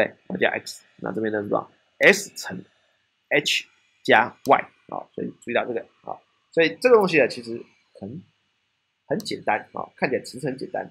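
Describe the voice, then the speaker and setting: A man's voice: lowish voice, vocal fry, a bit bright, slightly rough. A man with a Taiwanese Mandarin accent giving a technical classroom lecture, often asking rhetorical questions and checking in with "right?".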